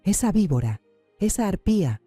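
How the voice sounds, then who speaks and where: A man voicing a fierce, loyal older woman baker in a storybook narration, talking with forceful determination. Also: high-pitched, big pitch swings, moderate pace, breathy edge, no room sound, soft background music, voice pushed up, full character voice. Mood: furious.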